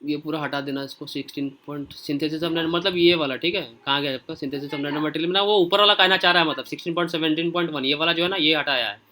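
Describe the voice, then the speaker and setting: Bright-voiced man teaching casually. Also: on the high side, a little hiss or hum. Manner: informal, repeats "okay" often while scrolling through pages; speaks directly to students. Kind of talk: casual screen-share lesson.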